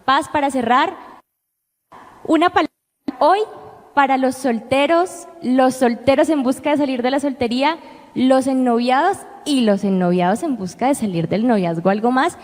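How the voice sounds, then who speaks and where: A woman's voice: high voice, moderate pace. A woman hosting a faith talk show, conversationally prompting her guests. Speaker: interview host. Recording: long hall-like reverb.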